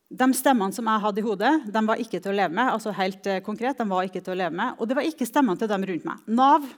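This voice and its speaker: Earnest woman giving a slow testimony. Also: medium pitch. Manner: earnest, reflective, with slow emphatic pauses. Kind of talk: personal testimony talk.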